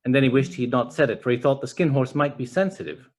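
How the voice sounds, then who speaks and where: A man reading a children's story aloud as an expressive narrator. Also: mid-range voice, fast. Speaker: storybook reader.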